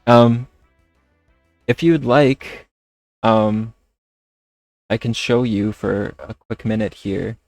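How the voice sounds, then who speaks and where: A man with a fairly low voice chats casually as he streams a game. He speaks slowly and haltingly, feeling his way through sentences. Music plays behind him. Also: steady tone, gravelly, darkish tone, no echo. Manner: hesitant, halting. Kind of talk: casual livestream chat over gameplay.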